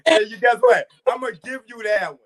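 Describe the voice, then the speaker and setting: Joking New Orleans podcast host. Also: male voice, very high voice, fairly quick. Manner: joking, animated, laughs often. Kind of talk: casual podcast chat.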